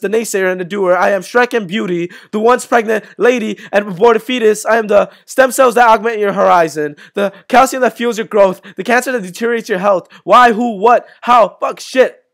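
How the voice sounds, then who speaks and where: A young man with a fairly high voice performs spoken word poetry. His delivery is intense and rhythmic. He is recorded through an earphone mic on a webcam in a small bedroom. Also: normal speed, creaky, fairly bright tone. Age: young adult.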